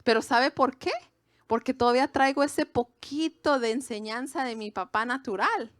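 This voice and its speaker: A woman's voice: high voice, normal speed, no echo, clean studio sound. A woman from Mexico with a Mexican accent, giving an informal sermon to a women's gathering in a conversational way, with asides to her listeners. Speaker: preacher.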